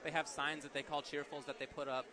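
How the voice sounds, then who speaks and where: A young man co-hosting a casual chat, animated and laughing often, with lots of fillers. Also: fairly high pitch, fast talker, crowd noise. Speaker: co-host.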